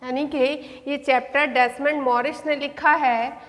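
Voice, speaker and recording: Woman teacher, high voice, Hindi-mix, repeats and rephrases points, long reverb. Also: fairly even intonation, unhurried, fairly bright tone. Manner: explains in Hindi mixed with English terms, repeating points. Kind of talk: classroom lecture explaining an essay.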